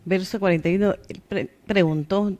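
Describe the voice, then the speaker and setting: A woman's voice: mid-range voice, fairly even intonation, fairly quick, a little mellow. A woman taking part in a radio Bible class, answering the teacher's questions and reading verses aloud. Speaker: class participant.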